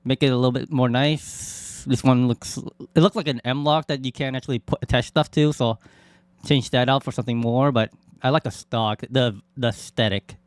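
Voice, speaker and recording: Man, streamer from Canada, casual reaction commentary, mid-pitched, very dry recording. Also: fairly even intonation, moderate pace, clear, resonant tone, no echo.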